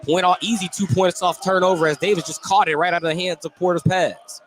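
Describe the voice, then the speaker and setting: A man's high-pitched, fairly bright voice keeps a fairly even intonation and a fairly quick pace as he calls basketball play-by-play on the radio in a clipped running style. He's in an indoor gym during a game, and the broadcast is full of live venue noise.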